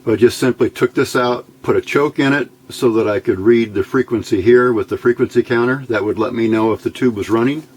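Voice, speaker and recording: Talking a little fast with hardly any pauses, a man with a mid-range, slightly mellow, husky voice gives a casual electronics demo at an indoor workbench. He thinks out loud in short phrases as an electronics hobbyist presenter. The home-video recording is noisy.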